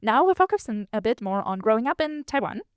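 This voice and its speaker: A woman co-hosting an interview, asking questions in a gentle way with hesitant fillers. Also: a little high, sing-song, quick pace. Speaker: interview co-host.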